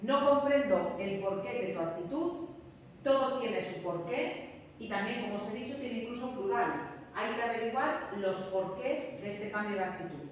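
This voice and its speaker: A woman's voice: fairly high pitch, expressive, moderate pace. A woman teacher explaining a grammar rule to a class. She repeats each rule and keeps checking that her students follow. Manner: repeats key rules, checks understanding with frequent "¿m?". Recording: echoey classroom from far off, faint room noise.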